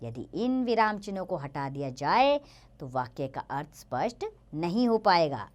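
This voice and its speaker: Lady teacher doing a kids grammar lesson, low voice but bouncy, lots of up and down. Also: very animated, unhurried, darkish tone. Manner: sing-song teacherly, reading examples aloud with emphasis.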